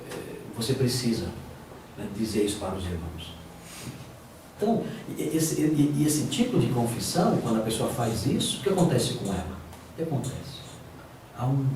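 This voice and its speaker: Echoey pastor lecturing a class. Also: male voice, medium pitch. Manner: conversational, acts out quoted voices. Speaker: pastor teaching a preaching class. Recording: echoey room, distant mic, noisy.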